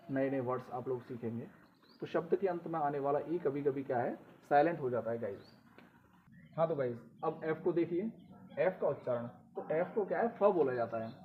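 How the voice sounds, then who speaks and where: Male teacher, patient repetitive delivery, slightly high pitch, phone-quality recording. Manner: explains slowly, repeating rules with question prompts. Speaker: English teacher. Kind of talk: classroom-style lesson. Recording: tinny phone-like audio with faint noise.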